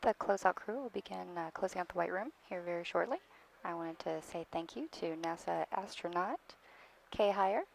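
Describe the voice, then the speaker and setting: Creaky-voiced woman hosting live commentary. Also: lowish voice, moderate pace, a little hiss or hum, rough recording. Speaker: broadcast commentator interviewing a guest.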